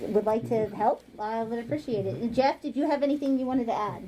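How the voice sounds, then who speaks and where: A woman on a village council presenting survey results at a meeting, speaking with frequent ums and pauses. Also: on the high side. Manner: hesitant, many ums, light laughs. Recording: faint noise, online meeting audio.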